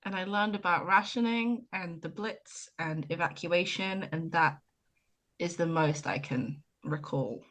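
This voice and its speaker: A woman from Ireland co-hosting a relaxed podcast conversation. Her voice sits a little low. She tells stories in an animated way and acts out the people she quotes. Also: a little slow. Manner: animated storyteller, retells scenes with lively quoted voices. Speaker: podcast co-host. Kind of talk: casual chat.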